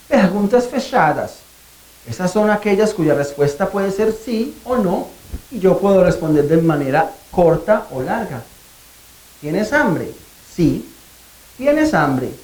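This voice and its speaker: A woman teaching a language lesson, speaking clearly and deliberately and drawing out phrases to show question intonation. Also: lowish voice, a little mellow, reverberant, low-quality recording.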